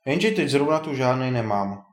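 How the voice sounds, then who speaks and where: A man voicing a kindly, teasing old male wizard in a storybook tale, a bit higher than his narration. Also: lively intonation, natural voice. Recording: roomy echo.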